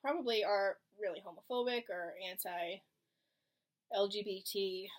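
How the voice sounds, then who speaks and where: A woman's voice: mid-range voice, slow pace. Young woman cohost, casual, blunt and sweary, lots of likes and ums. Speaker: podcast co-host. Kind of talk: casual chat.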